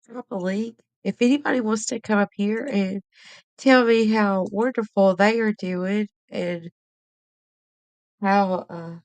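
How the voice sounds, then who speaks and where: Chatty woman with a gravelly voice. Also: medium pitch, steady tone, takes it slowly, no echo. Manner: rambling, chatty, laughs often. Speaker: livestream host. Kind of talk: casual live-stream chat.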